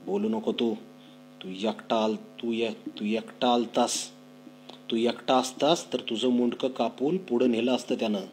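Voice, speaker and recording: A man voicing an angry, hot-headed young villager who shouts accusations at his father. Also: mid-range voice, steady tone, unhurried, a little hiss or hum, close to an everyday voice. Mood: scornful.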